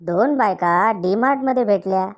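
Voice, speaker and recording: A woman reading a string of short jokes aloud in a slow, measured storytelling way. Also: medium pitch. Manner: slow, measured storytelling with canned laughter breaks. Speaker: joke narrator.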